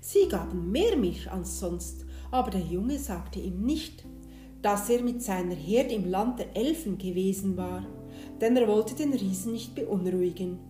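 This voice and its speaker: A woman reading a fairy tale aloud in a gentle, expressive way, in a roomy space with soft guitar behind. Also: mid-range voice, measured pace. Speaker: storyteller.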